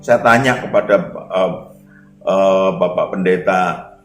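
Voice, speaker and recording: A man's voice: sits low, takes it slowly, fairly bright tone, roomy sound, faint music behind. A man preaching a sermon, emphatically repeating scripture lines after a reader.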